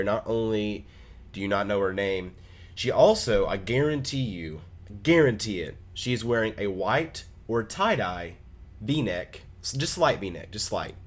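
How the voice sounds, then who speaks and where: A young man from Oklahoma telling a funny story to his vlog camera in a casual, animated way, with quick asides. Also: lowish voice. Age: young adult. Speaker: vlogger.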